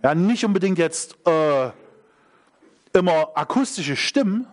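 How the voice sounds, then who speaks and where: A man's voice: on the high side, expressive, unhurried, darkish tone. A middle-aged man preaching a sermon, emphatic, repeating key phrases and asking the congregation questions.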